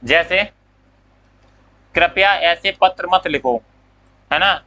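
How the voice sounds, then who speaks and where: A man's voice: high voice, slow pace, sharp tone, low-quality recording. A man teaching English grammar in a classroom lecture. He asks questions, answers them himself, and draws out the English words as he dictates them.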